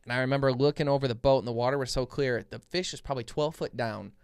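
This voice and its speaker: A young man co-hosting a podcast, telling stories in a relaxed, animated way. He speaks into a boom mic in a small foam-lined studio. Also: fast talker, clear, resonant tone, no echo. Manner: animated, gestures with his hands while telling stories. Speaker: podcast co-host. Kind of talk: casual storytelling chat. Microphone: boom mic with headphones.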